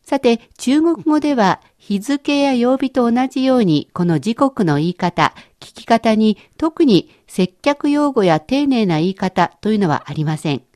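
Clear encouraging woman teaching a lesson. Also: a little high, expressive, a little mellow, dry recording, clean studio sound. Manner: clear, encouraging, explains slowly. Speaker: Chinese language teacher. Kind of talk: scripted language lesson.

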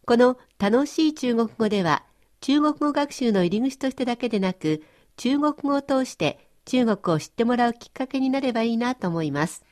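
A woman hosting a radio language lesson, explaining phrases in a friendly, clear, instructive way. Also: a little high, animated, normal speed, a little mellow, faint music behind. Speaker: language teacher and host.

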